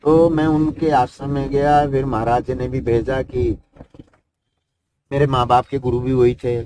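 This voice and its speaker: A man's voice: medium pitch, darkish tone. An older man, a Himalayan yogi, telling his life story in a rambling, folksy way and tagging his sentences with "isn't it". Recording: noisy ambient background.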